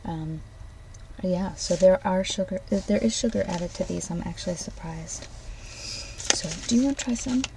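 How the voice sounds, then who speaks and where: A woman doing an ASMR ASMR role-play in a soft, hushed voice, speaking gently and directly to the listener. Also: lowish voice, normal speed, creaky, a little hiss or hum, low-quality recording. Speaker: ASMR host. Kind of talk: soft ASMR ASMR role-play, tasting snacks and reading oracle cards.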